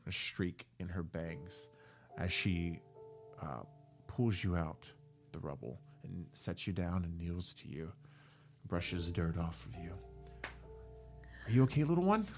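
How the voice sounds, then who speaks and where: A man narrating a tabletop game as game master, halting, with frequent fillers and self-corrections. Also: low voice, steady tone, vocal fry, faint music behind.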